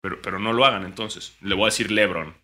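A man's voice: on the low side, steady tone, quick pace, pushed and bright. A young man with a Mexican accent co-hosting a casual sports podcast, joking crudely and swearing freely while recording remotely from home. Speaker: podcast co-host.

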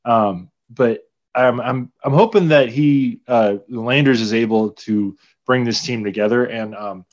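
A man's voice: mid-range voice, unhurried. A male podcast co-host chatting casually about sports with a hesitant, rambling delivery. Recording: slightly dull, lo-fi audio.

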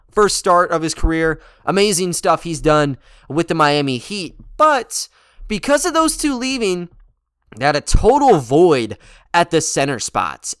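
A man's voice: sits high, fairly bright tone, smooth, no echo, studio quality. A man hosting a sports podcast, giving casual, conversational basketball commentary. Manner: conversational, informal.

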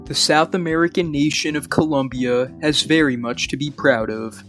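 A man's voice: a little high, steady tone, moderate pace, music in the background. Man narrating a history podcast. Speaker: podcast host.

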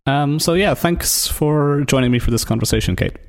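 A man's voice: fairly high pitch, normal speed. A man hosting a podcast conversation, speaking casually and appreciatively to his guest. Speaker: podcast host.

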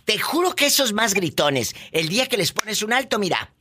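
A man's voice: sits high, sing-song, normal speed, noisy background. A man hosting a live radio talk show, giving playful, sassy, theatrical advice to listeners from a studio. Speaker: radio host.

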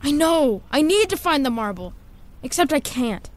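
A woman's voice: sits high, very animated. A woman voicing a defiant, anxious young boy who talks back to a villain in an audio drama. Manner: defiant, anxious, quick retorts.

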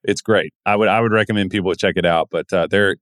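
Man, very deep voice, podcast co-host, hedging, thinking aloud, dry close mic. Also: steady tone, fast, fairly bright tone, dry recording. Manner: thoughtful, hedging, many fillers. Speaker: podcast co-host, draft analyst. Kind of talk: casual basketball chat.

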